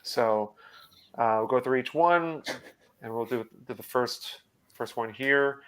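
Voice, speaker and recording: Brief: man, trivia host on a video call, smooth clear tone, halting with fillers. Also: medium pitch, fairly bright tone. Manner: hesitant, many fillers and restarts. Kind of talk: live online quiz hosting.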